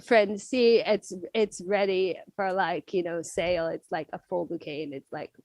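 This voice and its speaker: A woman's voice: fairly low pitch, steady tone, moderate pace, darkish tone, no room sound. A young woman chatting as a guest on a podcast, rambling and playful, with lots of fillers and little acted voices. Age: young adult. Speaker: podcast guest, club member. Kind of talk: casual podcast chat.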